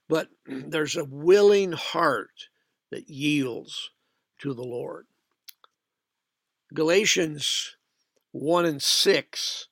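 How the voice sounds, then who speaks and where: Slow, gravelly-voiced male preacher. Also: a little high, fairly bright tone, no echo, studio quality. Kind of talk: sermon.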